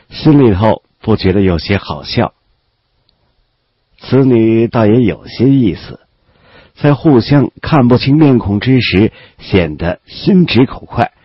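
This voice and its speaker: Brief: male audiobook narrator, low and husky, lively and animated delivery; muffled lo-fi track with faint music. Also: a little slow, dry recording. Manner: expressive storytelling with lively pitch.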